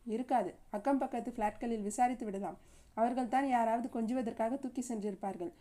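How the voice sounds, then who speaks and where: A woman's voice: fairly high pitch, warm tone, lightly acted. A woman voicing a stammering tearful grandmother. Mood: shaken. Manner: halting, stammering speech. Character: tearful older mother, grandmother of the baby.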